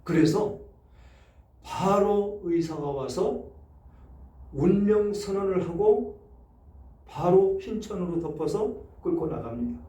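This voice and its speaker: Male pastor, emphatic sermon delivery, higher voice, echoey church recording. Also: expressive, slow pace, long pauses. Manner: emphatic preaching with sharp swings in loudness. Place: church sanctuary. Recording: echoey church hall, mic set far off.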